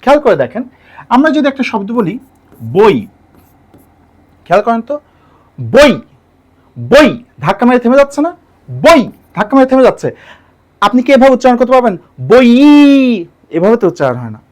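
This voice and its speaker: A man with a Bangladeshi Bengali accent teaches an exam-prep grammar lesson. His pitch rises and falls a great deal as he talks. He breaks each point down step by step, repeats it, and keeps asking the listener questions. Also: big pitch swings, fast talker, long pauses. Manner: explains step by step, repeats key points and asks the viewer questions.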